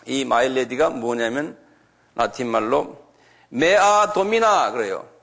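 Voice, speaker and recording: A man giving a church lecture, slowly spelling out and repeating foreign names and often asking his listeners questions. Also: mid-range voice, lively intonation, creaky, a bit bright. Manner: slow, repetitive, asks the audience questions. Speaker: lecturer on creationism.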